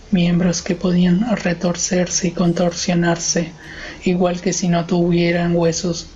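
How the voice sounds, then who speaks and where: A man narrating a horror story as an audiobook in a measured, even reading. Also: high-pitched, lo-fi sound, a little hiss or hum.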